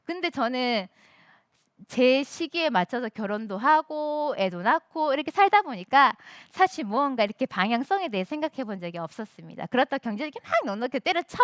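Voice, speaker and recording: A woman's voice: sits high, very animated, moderate pace, dry recording, clean studio sound. A woman in her forties giving a motivational stage speech, emphatic and speaking directly to the audience. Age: 40s. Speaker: student speaker.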